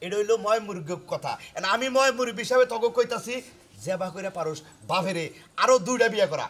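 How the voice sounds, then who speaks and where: High-pitched, fast-talking scheming man. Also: a bit bright. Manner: scheming, boastful advice-giving. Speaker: uncle giving advice in a skit. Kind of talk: slapstick comedy skit acting. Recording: crowd chatter behind.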